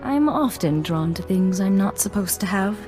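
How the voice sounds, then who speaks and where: In a video game cutscene, an actress voices a proper young noblewoman, speaking formally and with refinement in a poised mood. Her mid-range voice has lively intonation, moves at a normal speed, and sounds close to how she'd talk every day. Music plays in the background.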